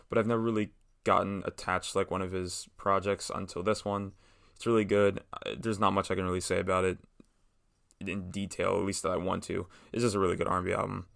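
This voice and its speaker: A man's voice: low-pitched, vocal fry, a bit bright, no echo, clean studio sound. A man hosting a casual solo music review podcast from a room in a house, rambling with lots of fillers and self-corrections. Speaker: podcast host.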